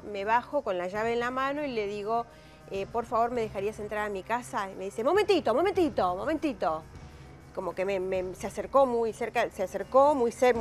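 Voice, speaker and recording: A woman with a Rioplatense Spanish accent telling of a recent robbery on a TV show, in an emotional and vivid way. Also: on the high side. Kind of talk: personal account on a talk show.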